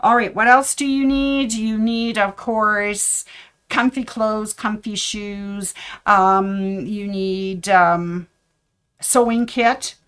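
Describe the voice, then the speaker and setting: A middle-aged woman, a sewing shop host giving casual tips, chatty and rambling, her voice slightly hoarse. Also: medium pitch, fairly even intonation, slow, a bit bright. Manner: chatty, rambling with fillers and asides.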